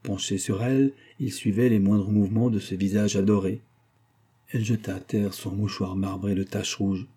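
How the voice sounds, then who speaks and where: Male audiobook narrator, very dark, husky tone, expressive literary reading. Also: on the low side, normal speed. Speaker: audiobook reader. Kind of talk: scripted narration.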